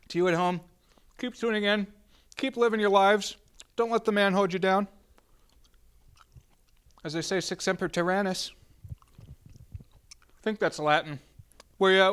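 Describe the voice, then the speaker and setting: A man playing a genial horror-host count on public access TV, with mock-formal, wordy, halting patter. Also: sits high, fairly bright tone, clean tone. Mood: upbeat, showy.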